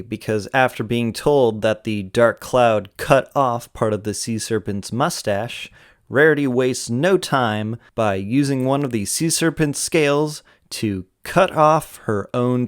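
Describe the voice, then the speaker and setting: A man's voice: mid-range voice, no room sound, studio quality. A man giving scripted recap narration and commentary as host of an episode retrospective.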